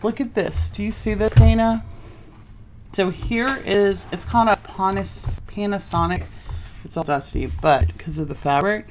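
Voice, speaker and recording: A woman in her forties with a nasal, mid-range voice and a darkish tone hosts a casual live sewing stream from her home craft room, speaking a little slowly into a desk mic. There's a faint hiss or hum as she rambles chattily and talks directly to her viewers.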